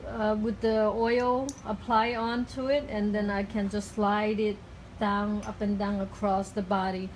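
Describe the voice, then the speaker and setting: A woman with talks through a hands-on treatment as the practitioner. She is instructive but halting, pausing to find her words. There is clear noise behind her in the room. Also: medium pitch, level tone. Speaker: acupuncturist giving a cupping treatment. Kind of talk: explaining a treatment in casual talk. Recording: clearly noisy room recording.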